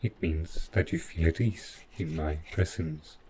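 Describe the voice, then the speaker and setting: Speaking in a rumbling low voice at an unhurried pace, a man portrays a courteous, devoted robot butler for a scripted roleplay audio drama. His calm, attentive delivery stays formal, precise and stiffly deferential, with background noise audible behind him.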